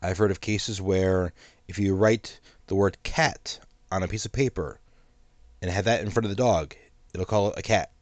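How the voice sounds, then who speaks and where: A man hosting his own channel, giving a measured, cautionary solo commentary while congested from a sinus infection. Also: low-pitched, fairly even intonation, a little mellow, no echo.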